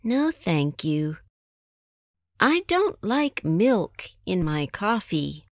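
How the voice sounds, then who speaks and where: Woman, american accent, lowish voice, very slow clear reading, dry recording. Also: big pitch swings, no echo. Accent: General American. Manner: clear, deliberate enunciation for learners. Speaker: textbook dialogue reader. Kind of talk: slow scripted textbook reading.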